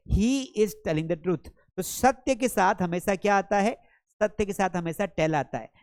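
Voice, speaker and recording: A man's voice: sits high, dry recording. Dry-voiced male teacher quizzing students. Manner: repetitive quizzing, drills sentences slowly. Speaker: English teacher. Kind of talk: spoken English lesson.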